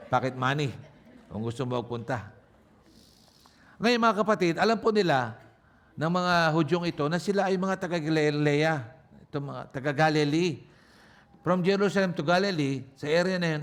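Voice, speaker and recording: A male guest pastor from Nueva Ecija, speaking with his home province's accent. He preaches a sermon at a church service, moving between loud emphatic passages and quiet joking asides. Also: a little high. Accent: Nueva Ecija Filipino. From Philippines, Nueva Ecija.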